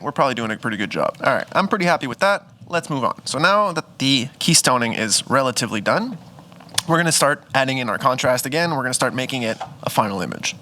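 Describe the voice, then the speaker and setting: A man's voice: mid-range voice, bright, forceful tone. A man, a photographer, walking through his photo edits in a casual, chatty tutorial, thinking aloud and correcting himself as he goes. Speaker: photographer teaching photo editing. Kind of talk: casual screen-recorded editing tutorial.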